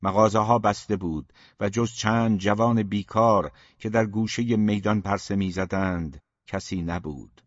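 A man narrating a literary novel as an audiobook in a measured, steady manner. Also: fairly low pitch, no echo. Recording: dull, muffled dry recording.

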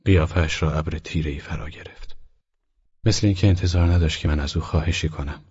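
A man narrating an audiobook in a steady, measured reading voice. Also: extremely low pitch, breathy edge, soft background music. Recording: dull lo-fi recording.

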